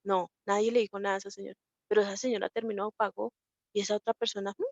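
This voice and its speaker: A woman's voice: medium pitch, flat delivery, rapid-fire, a little mellow, no echo, highs cut off. A woman teaching a Bible class in a conversational way, often repeating herself. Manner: conversational, repeats herself, acts out quoted people.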